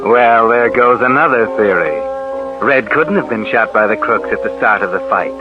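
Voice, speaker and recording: On a dull-sounding 1940s radio recording with loud music behind him, an actor plays a sinister suspense narrator. In a lowish, expressive, natural voice at a moderate pace, he needles and taunts the listener in the second person, insinuating like a man's guilty conscience.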